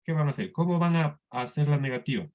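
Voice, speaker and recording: A man teaching an English class in Spanish with a Colombian accent, explaining slowly and patiently and often checking that the students follow. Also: fairly high pitch, lively intonation, muffled recording. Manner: slow, patient explaining with frequent checks for understanding. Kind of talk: classroom lesson.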